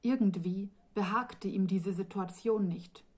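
A woman author reading her own fantasy novel aloud in a calm, measured storytelling voice. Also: mid-range voice, breathy edge. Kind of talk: audiobook fantasy narration.

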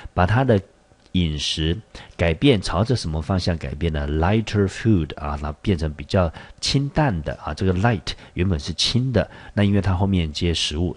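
A low-pitched man with a Taiwanese Mandarin accent teaches a recorded English vocabulary lesson. He walks through each word step by step, asking rhetorical questions and filling pauses with a drawn-out "ah". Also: darkish tone, husky. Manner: explains step by step with many rhetorical questions and filler "ah".

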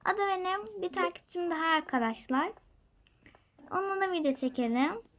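A young woman hosting a gaming channel, chatting to her viewers as she plays, moving from hushed whispers to loud, excited calls. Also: extremely high pitch, moderate pace. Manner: lively, talks to viewers, jumps between loud excitement and quiet whispers. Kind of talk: chatty gameplay commentary.

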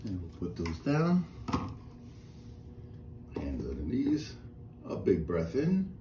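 A middle-aged man leading a seated exercise class, giving calm step-by-step cues and breathing counts, recorded by a camera a few feet away in a small room. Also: sits low, slow pace. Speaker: fitness instructor. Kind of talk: guided chair exercise class. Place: small indoor room with a painted wall. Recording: roomy echo, faint room noise.

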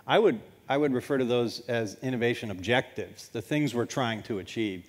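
A man moderating a conference panel, measured and guiding as he introduces speakers. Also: medium pitch. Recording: long hall reverb.

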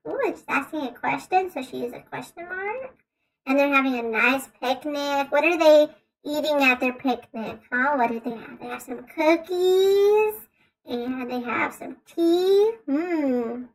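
A woman teacher reads a children's picture book aloud, keeping her voice high and light. She takes her time and stops often to ask gentle questions and explain what the pictures show. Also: unhurried, poor audio.

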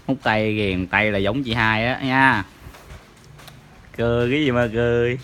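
A man's voice: medium pitch, little pitch movement, normal speed, a bit bright, slight background noise. A father, chatting playfully to his baby at home and teasing with many short questions.

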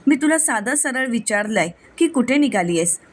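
A stern middle-aged mother-in-law who presses with questions, read by a woman. The reading stays plain and fairly high. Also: lively intonation, moderate pace. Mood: scolding.

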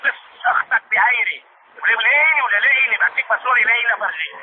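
A man's voice: extremely high pitch, fast talker, a little hiss or hum. A man with a Lebanese accent putting on a hot-tempered, foul-mouthed man in a prank phone call, repeating himself and hurling insults. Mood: raging. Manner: repetitive, insistent, hurling insults. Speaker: prank caller. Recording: tinny phone line.

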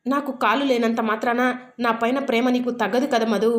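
A woman reading the lines of a gentle young man comforting his wife. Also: fairly high pitch, steady tone, brisk, roomy sound, close to an everyday voice. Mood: tender.

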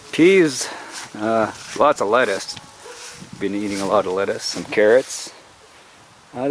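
Out in his backyard, a middle-aged vlogger chats in an easygoing, rambling way while doing chores. His voice is fairly low, and there's a little hiss or hum in the recording.

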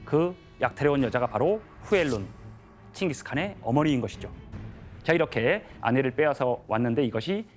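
Man giving a lively history lecture. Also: mid-range voice, soft background music. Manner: measured explaining with frequent "예" fillers. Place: TV studio.

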